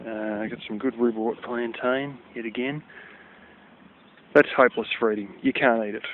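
A male vlogger with an Australian accent rambles casually while walking outdoors by a river, blunt, chatty, and swearing offhandedly. His mid-range voice keeps a fairly even intonation at a normal speed. The outdoor recording sounds tinny, like a phone.

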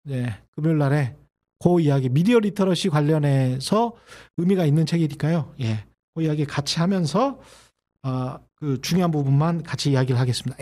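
A middle-aged man delivers solo market commentary in a somewhat high-pitched voice. He talks in a loose, conversational way, padding with fillers and restarting phrases as he explains the numbers. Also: darkish tone. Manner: conversational with many fillers and self-corrections. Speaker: host of an economics commentary channel.

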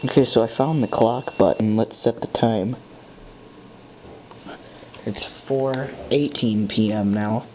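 This hobbyist, indoors at his desk, pauses often and speaks slowly as he thinks aloud, pressing buttons to set up a device. His voice is medium in pitch, and the dull, lo-fi camera recording has a faint hum.

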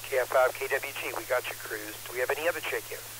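A man's voice: mid-range voice, fast, bright, forceful tone, poor audio. A man acting as net controller on an amateur radio net, reading aloud and calling on others over a static-laced link.

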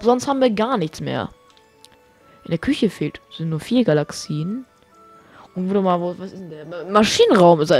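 A woman giving excitable, chatty gameplay commentary as a let's play host, swearing and dropping English exclamations, her voice getting strained. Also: mid-range voice. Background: faint game music.

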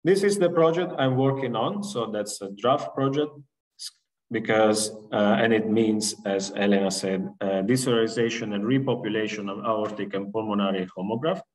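A young man presents a science webinar from a room at home, his voice sitting a little low. He speaks over a video call, stopping often with fillers and restarting his sentences as he explains each slide. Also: low-quality recording. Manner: halting, many fillers and restarts while explaining. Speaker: invited researcher giving a talk. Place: indoor room. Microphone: video call from a laptop webcam.

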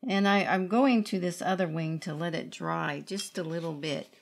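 A woman's voice: lowish voice, moderate pace, gravelly. A middle-aged woman teaching watercolor painting step by step, speaking unscripted in short, sparse phrases as she works. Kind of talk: unscripted step-by-step art tutorial. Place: indoor studio room at a worktable.

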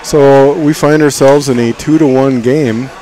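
A man's voice: mid-range voice, steady tone, measured pace, soft background music. A middle-aged man giving folksy, partisan play-by-play commentary at a hockey game in an ice arena. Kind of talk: local sports commentary. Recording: loud crowd, noisy arena. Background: crowd and arena noise.

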